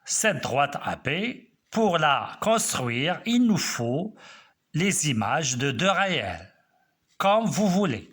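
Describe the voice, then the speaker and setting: A man teaching a math lesson, explaining slowly step by step and checking that students follow. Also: a little high, sing-song, fairly bright tone, slightly rough.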